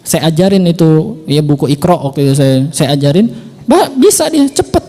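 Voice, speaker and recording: A father talking patiently about how he taught his young son, repeating his points and filling pauses with little affirming words. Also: a little high, sing-song, dark tone, long reverb tail. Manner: patient, repeats points, many 'ya' fillers. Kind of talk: relaxed advice talk.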